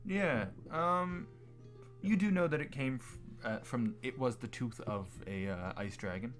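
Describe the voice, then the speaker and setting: A man's voice: medium pitch, a little slow, fairly bright tone. A man with a mid-range voice acts as game master in a casual tabletop session. He narrates and gives rulings conversationally, with guitar music playing underneath. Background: plucked guitar music.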